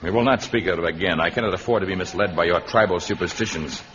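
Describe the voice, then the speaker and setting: Tarzan, stern low-voiced jungle hero in vintage radio played by a man. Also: fast talker, close to an everyday voice. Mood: brisk, skeptical. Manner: formal, declamatory diction. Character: Tarzan, proud adult male jungle hero, stern and skeptical. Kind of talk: old-time radio adventure serial acting. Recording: muffled, hissy vintage radio recording.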